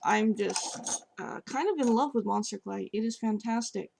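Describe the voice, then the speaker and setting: Her voice half gone, a woman chats casually while showing her home sculpting process, reviewing clay at a table next to the sofa. She talks at normal speed in a mid-range, darkish voice that's gravelly and scratchy, filling pauses with little fillers as she works.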